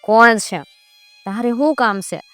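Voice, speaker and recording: A woman's voice: fairly high pitch, a little slow, fairly bright tone, soft background music, pitched above the performer's own voice. A woman voicing a brutal, swaggering male bandit in a folk tale, barking and mocking. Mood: menacing.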